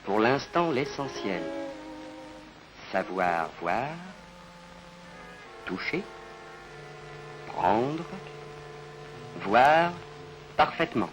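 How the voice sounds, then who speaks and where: 1950s tv documentary narrator guy, formal and measured, mid-pitched voice, music playing clearly under him. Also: big pitch swings, low-quality recording. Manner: measured, formal, poses rhetorical questions. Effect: 1950s broadcast documentary narration. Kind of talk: scripted narration.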